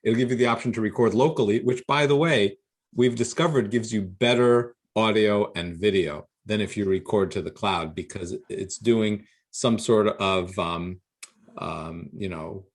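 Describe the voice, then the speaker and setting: Upbeat man hosting a video call workshop. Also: on the low side. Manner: upbeat, enthusiastic explaining. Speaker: workshop host. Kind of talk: casual instructional talk.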